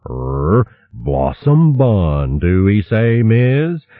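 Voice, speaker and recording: A man voicing a stout, cheerful, dapper male mole cook who speaks a thick rustic dialect, slow and drawling. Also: low voice, lively intonation, no echo, exaggerated voice. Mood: curious. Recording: thin phone-like dry sound.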